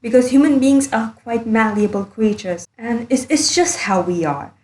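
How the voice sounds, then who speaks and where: A woman's voice: a little high, moderate pace, darkish tone, reverberant, poor audio. A woman doing a blunt, earnest commentary monologue as a YouTuber, recording under a blanket. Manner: blunt, earnest, a bit sweary.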